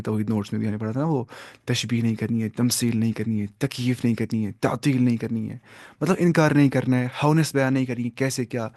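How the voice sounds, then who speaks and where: A man's voice: medium pitch, darkish tone, no room sound, studio quality. A man teaching a religious lesson in a classroom, explaining step by step, quoting Arabic and mixing in English terms.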